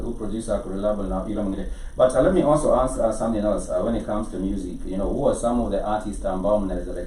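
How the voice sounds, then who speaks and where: Kenyan male interviewer, low and quick, wordy, code-switching, in a roomy space. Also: warm tone. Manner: wordy, repeats himself, mixes English and Swahili. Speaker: interviewer, show host. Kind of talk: conversational music interview. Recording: roomy, distant mic with faint noise.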